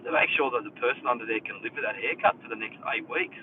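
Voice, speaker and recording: A man's voice: medium pitch, quick pace. A man with an Australian accent, a hairdresser, chatting casually with viewers from his mother's house. He rambles with many fillers and leans hard on his main points. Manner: rambling, filler-heavy, emphatic on key points. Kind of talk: casual live chat with viewers. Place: indoors at his mother's house, air conditioner running. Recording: tinny phone-like sound, distant from the mic, faint noise.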